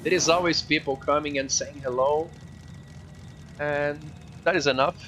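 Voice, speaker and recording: A man chats easily with his viewers while he races, his English halting and not his first language. His voice sits a little high, with a forceful, bright edge. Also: steady tone, slight background noise. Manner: chatty, addresses viewers directly; halting, non-native English phrasing. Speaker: live streamer. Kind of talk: casual chat while gaming.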